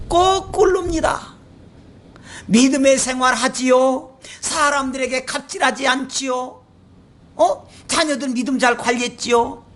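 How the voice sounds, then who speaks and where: A man in his sixties with a Jeolla accent, preaching a sermon as pastor, asking rhetorical questions and swinging from shouts to quiet asides. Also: extremely high pitch, husky. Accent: Jeolla Korean. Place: church sanctuary.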